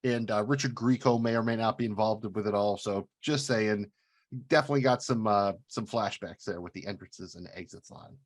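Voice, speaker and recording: A man's voice: lowish voice, fairly quick. Chatty man co-hosting a review podcast. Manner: chatty, hesitant with fillers. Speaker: podcast co-host. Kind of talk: casual review chat.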